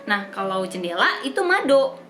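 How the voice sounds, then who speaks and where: A woman's voice: medium pitch, sing-song, moderate pace. A young woman whose first language is Indonesian, hosting a casual language tutorial in an upbeat, chatty way and spelling words out letter by letter. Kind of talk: casual explainer vlog. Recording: echoey room with music behind.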